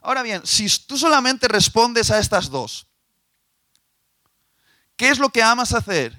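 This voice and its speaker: A man's voice: very high-pitched, very animated, a little slow, pushed and bright, no echo. A man preaching a sermon, asking his listeners questions and telling a fable. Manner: asks the audience questions, tells a fable.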